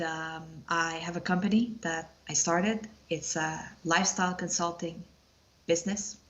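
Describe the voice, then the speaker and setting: A woman's voice: low voice, a bit bright, highs cut off. A woman from Quebec with a Quebec French accent, chatting casually as a podcast guest, hesitant and searching for words. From Quebec, Canada. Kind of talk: casual interview chat.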